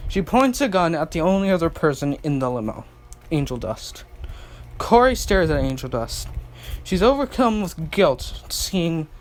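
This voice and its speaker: A man reading a fan story aloud, hurrying with stumbles and restarts. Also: fairly high pitch. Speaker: fanfic reader.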